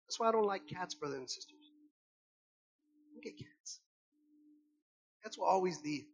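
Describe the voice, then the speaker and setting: A man's voice: high voice, fast, husky, muffled recording. A man preaching a sermon to his congregation, addressing them as brothers and sisters and acting out voices as he speaks. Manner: animated, acts out voices of people and animals. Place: church service.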